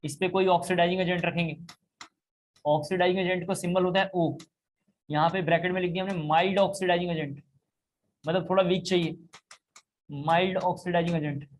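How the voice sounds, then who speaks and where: A man's voice: high-pitched, steady tone, fairly quick, pauses often. A man teaching a chemistry class, explaining step by step and repeating key points. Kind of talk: classroom lecture.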